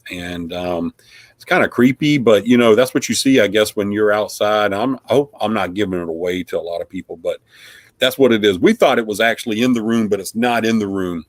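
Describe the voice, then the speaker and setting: A man's voice: lowish voice, a little fast, no echo. A man hosting a casual live stream recap of a paranormal investigation, rambling with lots of fillers. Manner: rambling, filler-heavy, friendly.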